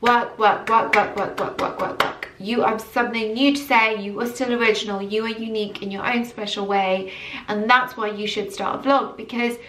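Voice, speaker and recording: An English woman in her early thirties vlogs to camera with motivational energy, casual yet emphatic, animated and repeating herself for emphasis. Her voice runs on the high side. The camera mic sits far away, so the sound is reverberant.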